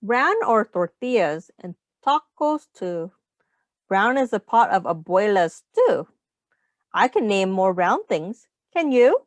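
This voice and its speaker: With a very animated, medium-pitched voice, a teacher reads a picture book to young kids, pausing for questions and putting ideas into simple phrases. There's no room sound.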